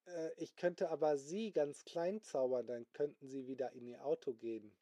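A man's voice: mid-range voice, normal speed, warm tone, no room sound, studio quality, close to an everyday voice. A man voicing a flustered, apologetic male apprentice magician in a spoken bedtime story, hesitant and full of fillers.

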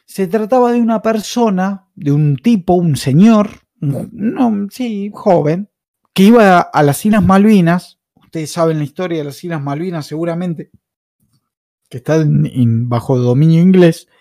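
A man with an Argentine accent talks in a casual podcast chat, voice set somewhat high for a man. He is passionate and opinionated and drifts from point to point. The sound is dry, with no room echo. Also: measured pace, dark tone. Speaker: podcast host.

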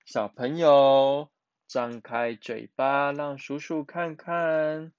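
A calm, kind owl doctor with a gentle, slow way of speaking, as a man reads him in a storybook. The voice sits lower than the narrator's. The recording is dry and slightly dull. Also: no echo.

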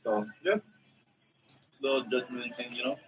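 A man's voice: medium pitch, fairly even intonation, normal speed, distant mic, noisy background. A man co-hosting a podcast, prodding the others with questions and laughing in casual chat. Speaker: podcast co-host.

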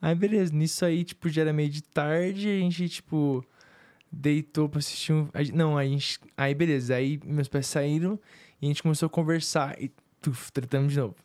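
A young man with a Brazilian Portuguese accent recounting a story in a casual couple vlog, relaxed and full of fillers. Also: on the high side, normal speed. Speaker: preacher and vlogger.

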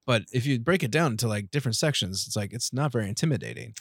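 A man co-hosting a casual podcast, relaxed and agreeable, often saying "yeah" and "listen". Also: mid-range voice, fast talker, dry recording, clean studio sound. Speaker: podcast co-host and author.

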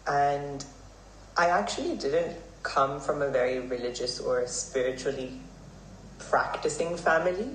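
Young male podcast guest in his 20s, earnest and measured, recorded off-mic in a roomy space. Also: fairly high pitch, fairly bright tone. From Hong Kong. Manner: earnest, measured storytelling with fillers. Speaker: guest, Vedic pandit. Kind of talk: podcast interview answers. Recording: roomy, somewhat distant mic, faint noise.

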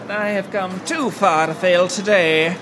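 This comedic mockumentary bit features a stage performer being grandiose, theatrical, and self-dramatizing, first from a parked car in a lot and later inside a small restaurant. The mid-range voice holds a steady tone at a slightly slow pace, with noise in the background.

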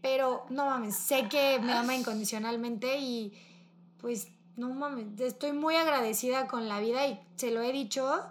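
A young woman with a Mexican accent, talking casually and warmly about her best friend, heavy on slang and fillers. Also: high voice, unhurried, slight background noise. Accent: Mexican Spanish. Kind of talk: casual emotional chat with a friend.

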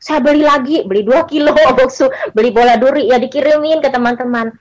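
A woman's voice: high-pitched, fairly quick, no echo, poor audio. A middle-aged woman earnestly telling a personal story as an interview guest, often addressing the interviewer directly.

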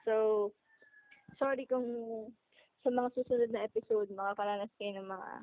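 Young woman, high, on a tinny phone line. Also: fairly even intonation, moderate pace, dry recording. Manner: giggly, chatty. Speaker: podcast co-host. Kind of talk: casual chat. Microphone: phone call.

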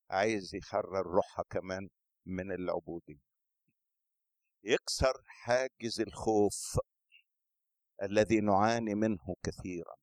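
A man with an Egyptian Arabic accent preaching a sermon, lively, often questioning the congregation and acting out scripture voices. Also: lowish voice, no room sound, studio quality.

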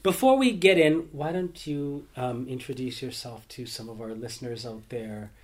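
Podcast host, man; upbeat and warm in his reactions, mid pitch, casual with fillers, recording in an office. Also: moderate pace. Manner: upbeat and enthusiastic, with filler ums. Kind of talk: casual interview conversation. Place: office in a theatre building.

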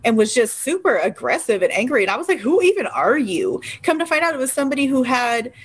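Husky, expressive woman co-host. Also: sits high, fast. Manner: expressive, indignant retelling. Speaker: podcast co-host. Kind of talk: casual chat.

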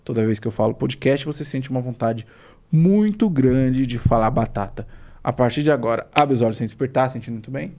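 A man with a Brazilian accent leading a hypnosis induction as a hypnotist, in soothing, repetitive commands with deliberate pauses. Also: mid-range voice, expressive, warm tone. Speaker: hypnotist guest.

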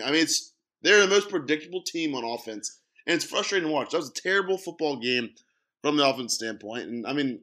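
A man co-hosting a casual sports podcast, getting fired up and ranting. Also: fairly high pitch. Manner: animated, gets fired up and rants. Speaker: podcast co-host.

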